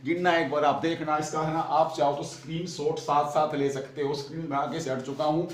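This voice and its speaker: A young man teaching a fast exam-prep lesson, asking questions and answering them himself, urging his students on like an older brother. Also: fairly high pitch, level tone. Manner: drills with repeated questions and answers; urging, brotherly pep talk. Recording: echoey room, distant mic.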